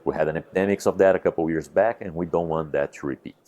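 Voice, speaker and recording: A man with an extremely deep voice gives practical advice as an agricultural specialist. His delivery is unscripted and a little stop-and-start. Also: fast, over music. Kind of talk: advisory talk on radio.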